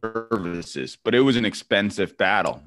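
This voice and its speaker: A man's voice: fairly low pitch, animated, normal speed, over music. A man co-hosting a stock market show, chatting casually while his video call connection breaks up and cuts out. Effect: video call connection breaking up and cutting out.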